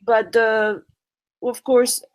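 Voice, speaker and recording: A woman who grew up in Morocco, speaking as a guest on a casual chat show. Her voice sits a little high, and she talks haltingly, filling gaps with ums and starting her phrases over. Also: level tone, rough recording. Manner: hesitant, many ums and restarts.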